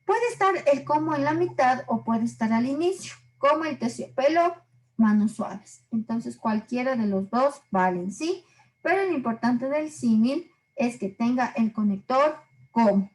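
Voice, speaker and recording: Lady teacher going over figures of speech, kinda high voice, slows way down on the examples and keeps checking in with the class. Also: animated, darkish tone, rough recording. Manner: patient, repeats examples slowly and checks in with short questions. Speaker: language teacher. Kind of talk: explaining literary figures in a class.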